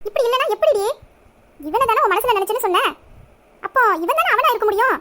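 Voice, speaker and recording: A woman playing a fussing, protective village friend, very high voice. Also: lively intonation, sharp tone, full character voice. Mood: bewildered. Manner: brisk, probing, affectionate. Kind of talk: Tamil village audio drama.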